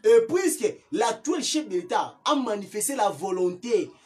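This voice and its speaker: A man's voice: high-pitched, sing-song, normal speed, a little mellow, soft background music. A man with a Congolese accent who slips into Lingala, giving his opinion in an impassioned way, repeating and stressing his points. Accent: Congolese (Kinshasa), mixing in Lingala. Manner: emphatic and repetitive, stressing words over and over.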